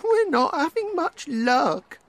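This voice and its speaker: An excitable little duck from a storybook, played by a man with a squawky, breathless delivery. His voice jumps high above the narrator's and swings about. The lines come slowly and drawn out. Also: exaggerated voice. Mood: sad. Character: small sad male duck, excitable.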